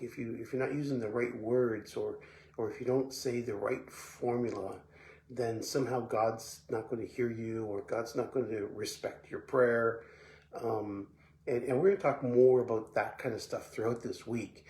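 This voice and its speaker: A man with a gravelly, creaky voice gives a relaxed devotional talk, stumbling over repeated words and filling pauses with "um". He speaks at a middle pitch in an echoey room with a faint hiss behind him. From Belgium. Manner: relaxed, repeats words often, many fillers. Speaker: pastor.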